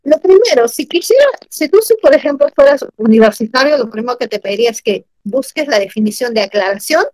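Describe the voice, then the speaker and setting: A woman teaching grammar in an online class, animated and asking her students questions often. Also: a little high, no echo, low-quality recording.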